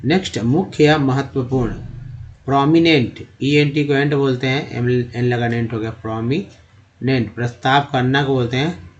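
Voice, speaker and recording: A man teaching English vocabulary over slides, repeating each word slowly and stretching its sounds to show the pronunciation. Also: mid-range voice, fairly even intonation, highs cut off.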